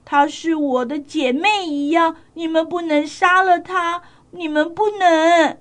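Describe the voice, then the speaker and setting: A woman's voice: extremely high pitch, fairly even intonation, unhurried, pitched above the performer's own voice. A woman voicing a sweet, polite little girl in a children's storybook tale, speaking politely and pleading. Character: sweet, polite little girl who loves her lamb.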